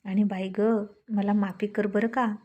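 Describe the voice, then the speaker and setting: A woman's voice: mid-range voice, level tone, unhurried, mellow, muffled recording, close to an everyday voice. A woman voicing a chatty young village woman who teases a newcomer. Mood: teasing.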